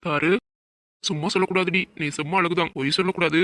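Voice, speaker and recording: A man's voice: a little high, fairly even intonation, fast, sharp tone, faint music behind. A man voicing an earnest cartoon hero doctor. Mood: flirting.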